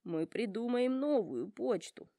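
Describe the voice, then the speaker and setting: A woman's voice: a little high, animated, a little slow, mellow, no echo. A woman doing a well-mannered young male storybook elephant, earnest and polite, dry close sound. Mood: reassuring.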